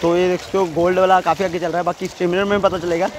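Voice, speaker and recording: A man's voice: high voice, level tone, rapid-fire, noisy background. A man vlogging a school swimming meet, chatting casually to his viewers and calling encouragement to the swimmers. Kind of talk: casual commentary to camera. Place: outdoor swimming pool at a school competition.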